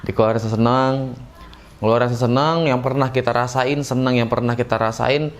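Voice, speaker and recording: A man gives a relaxed, chatty acting lesson and acts out short emotional examples as he goes. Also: mid-range voice, fairly quick. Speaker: acting teacher. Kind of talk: casual classroom-style lesson.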